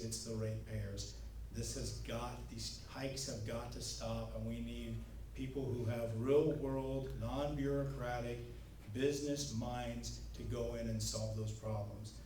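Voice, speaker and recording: A confident man from California closes his campaign pitch in a persuasive tone at a local forum. He is recorded from a distance in a roomy hall, with clear background noise under his voice. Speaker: candidate giving closing remarks.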